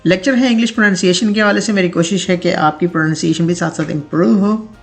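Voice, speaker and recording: A man teaching a pronunciation lesson, repeating each word slowly several times so listeners can copy it. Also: high voice, vocal fry, soft background music.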